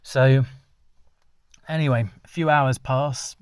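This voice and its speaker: A man, telling an ad-libbed comic story in a rambling, deadpan way with many restarts. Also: medium pitch, slow pace, smooth, no echo, studio quality.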